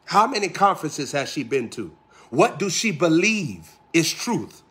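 A man's voice: fairly high pitch, sing-song, measured pace, fairly bright tone. A man a sermon, driving his points with rhythmic repeated phrases and pointed questions. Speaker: preacher.

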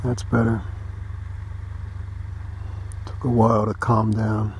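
A man giving relaxed running commentary while flying a model plane outdoors, thinking aloud with fillers. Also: lowish voice, takes it slowly, a little hiss or hum. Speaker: model aircraft flyer. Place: open grassy field outdoors.

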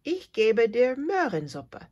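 A woman's voice: a little high, wildly swooping pitch, slow, muffled recording, pitched above the performer's own voice, full character voice. A woman voicing a caring mother mouse who grumbles and scolds but is kind at heart, in a storybook reading. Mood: tender. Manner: grumbling, then warm.

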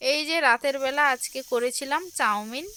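A woman vlogging her household day in a gentle, chatty way, talking straight to her viewers while she works at home. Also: high voice, normal speed, clean tone. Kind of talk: casual devotional home vlog narration. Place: home kitchen.

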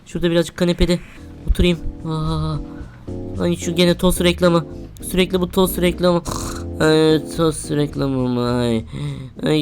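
A woman's voice: on the low side, smooth. A woman playing a horror game, talking to herself as she goes, jumpy and easily frightened. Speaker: gamer. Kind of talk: horror game let's play commentary.

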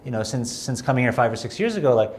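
This is a man giving a sermon in a mid-pitched voice. He swings between emphatic, rising declarations and a relaxed, joking tone. He often restarts his phrases as he talks. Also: fast talker, slight background noise. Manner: conversational with self-deprecating humor. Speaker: preacher.

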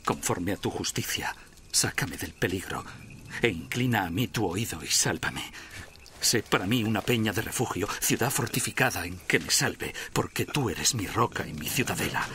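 Low-voiced solemn Castilian major. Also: male voice, lively intonation, moderate pace, slight background noise. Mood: solemn, hushed. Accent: Castilian Spanish. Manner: solemn, hushed. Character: solemn army major praying from the Bible. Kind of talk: dubbed war film acting, scripture reading.

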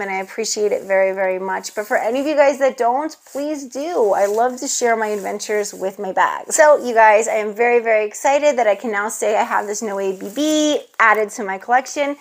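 A luxury handbag vlogger in her thirties, with a gravelly medium-pitched voice, gushes enthusiastically as she unboxes handbags in a casual vlog, calling her viewers "you guys." She's indoors in a room lined with handbag shelves, wearing a clip-on lapel mic.

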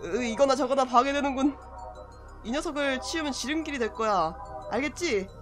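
A woman voicing a calm, caring young man, reading horror game dialogue in a gentle, measured way. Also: high-pitched, lightly acted. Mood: calm, urging. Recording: music behind the voice.

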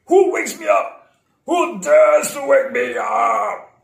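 A man voicing a boastful, proud male lion king with a slow, booming, roaring delivery, in an echoey room. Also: huge pitch swings, creaky, shouting, full character voice.

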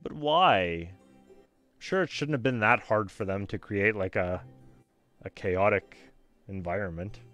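A man's voice: fairly low pitch, normal speed, a bit bright, dull audio, faint music behind. A man in casual, joking commentary while playing a story-driven game, laid-back and swearing casually. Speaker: player and streamer.

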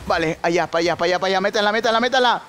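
A young man with a Mexican accent giving excitable, slangy live commentary on his own gameplay and shouting at big plays. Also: sits high, very fast, faint music behind. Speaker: gaming YouTuber.

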